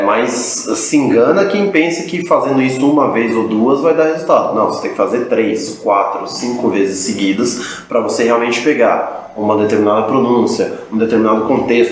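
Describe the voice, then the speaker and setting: A man with a Brazilian Portuguese accent, an English teacher, giving advice in a podcast conversation, repeating phrases for emphasis. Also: mid-range voice. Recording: very echoey room, faint noise.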